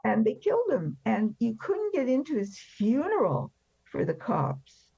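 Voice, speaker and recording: An older woman, seventies or beyond, speaks in a fairly high, creaky, slightly rough voice whose pitch swoops wildly, yet her pace stays measured and her tone warm. Born in France and emigrating after the war, she tells her personal story candidly and matter-of-factly in an interview. The recording sounds lo-fi.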